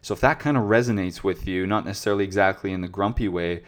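A man's voice: deep voice, fast talker. A man hosting a self-help podcast, talking earnestly and reflectively and asking many rhetorical questions. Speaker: podcast host.

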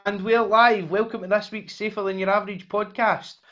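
A man's voice: high voice, level tone, a little fast, fairly bright tone, soft background music. A man hosting a podcast, introducing his guest and prompting him with brief, encouraging questions. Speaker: podcast host. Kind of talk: casual interview hosting. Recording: dull lo-fi audio.

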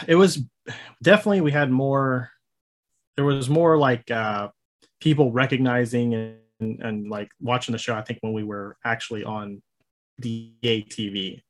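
Casual, halting man in conversation. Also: medium pitch, fairly bright tone. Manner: halting, rambling, chuckles often. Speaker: interview guest, maker of a horror host show.

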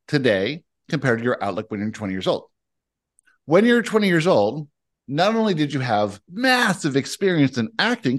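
A man acting as a spiritual teacher in a guidance session. He speaks as a collective "we" and works through slow, emphatic lists. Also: mid-range voice. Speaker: spiritual teacher answering questions.

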